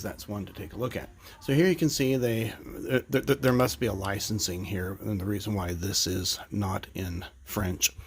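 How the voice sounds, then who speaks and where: Low and husky, with a congested, stuffy quality, a middle-aged man presents his toy collection in a relaxed show-and-tell. He wanders through his talk, using fillers and starting over often.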